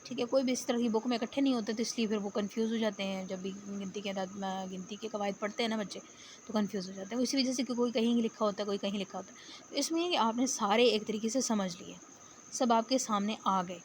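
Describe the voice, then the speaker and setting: A woman teacher giving a spoken lesson, patient, explaining step by step and repeating words slowly. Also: mid-range voice, a little hiss or hum. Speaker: Arabic teacher. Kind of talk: spoken lecture.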